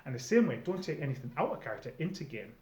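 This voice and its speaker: Very animated and very fast, this middle-aged man's medium-pitched voice is a little mellow as he gives newcomers informal, conversational advice. He's a presenter and former game storyteller in an advice video monologue, captured in an echoey room with slightly dull sound.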